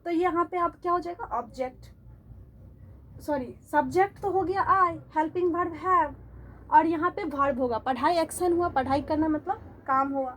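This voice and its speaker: A woman teaching English grammar in a classroom-style lesson, explaining slowly, repeating examples and asking her students whether they follow. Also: very high-pitched, fairly bright tone, a little hiss or hum.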